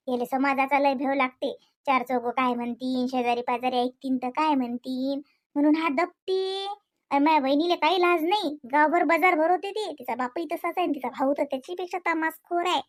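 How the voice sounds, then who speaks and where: High-voiced woman, worried and insistent. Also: dry recording, studio quality. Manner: worried, complaining, rising to heated insistence. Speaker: wife in a comedy skit. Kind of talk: scripted domestic comedy dialogue.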